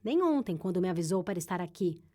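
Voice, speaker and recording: A woman's voice: lowish voice, very animated, quick pace, mellow. A woman reading a curt hired gunman. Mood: guarded. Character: cold, wary male hired gunman.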